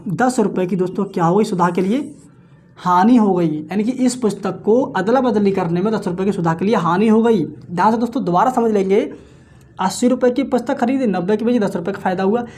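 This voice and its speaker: A man teaching an exam-prep maths lecture, working sums aloud in quick times-table chants, addressing his viewers as friends in nearly every phrase, and asking questions that he answers himself. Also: sits high, a little mellow.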